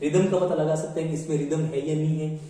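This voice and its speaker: A man's voice: on the high side, flat delivery, quick pace, warm tone. Man lecturing in an echoey room. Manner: repetitive, asks and answers own questions. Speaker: teacher. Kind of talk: exam-prep lecture. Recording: echoey room, far from mic.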